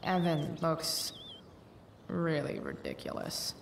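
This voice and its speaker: A woman's voice: low voice, wildly swooping pitch, takes it slowly, gravelly, a little hiss or hum, full character voice. An actress playing a rebellious teenage girl in a video game, sarcastic, slangy and guarded with a dry delivery. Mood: sardonic. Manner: dry, sardonic, slangy, hesitant at times.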